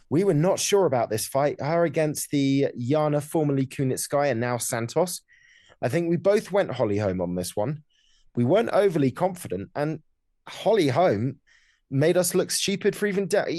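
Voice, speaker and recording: A man's voice: a little high, a little mellow, no room sound. Man giving dry-sounding casual sports commentary. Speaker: podcast host.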